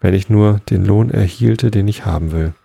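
Sly old adder, grudging and vengeful, gravelly, dark, read by a man. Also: lowish voice, moderate pace, dry recording, heavily acted. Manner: quiet, hissing storyteller delivery.

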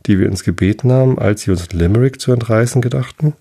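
A man doing a gruff, curious young farmer. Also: fairly low pitch, fast talker, dark tone, voice pushed up. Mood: questioning. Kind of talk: storybook reading.

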